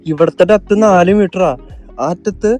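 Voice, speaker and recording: Male Malayali travel vlogger, slightly high pitch, casual chat with English mixed in, light music underneath. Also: normal speed, darkish tone. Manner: mixes English words and phrases into Malayalam. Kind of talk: casual vlog chat to viewers and friends. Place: outdoors at a pool and streets.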